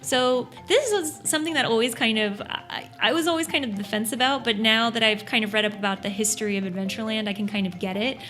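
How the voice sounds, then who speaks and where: A woman's voice: a little high, fast, hardly any pauses, a bit bright, soft background music. A woman co-hosting a podcast in casual chat, explaining at length with many fillers and restarts. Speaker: podcast co-host.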